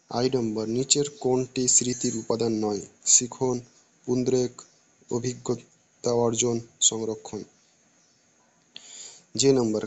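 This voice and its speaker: A man reading exam questions and answer options aloud for students, in a steady voice with occasional restarts. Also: mid-range voice. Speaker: teacher reading an exam paper.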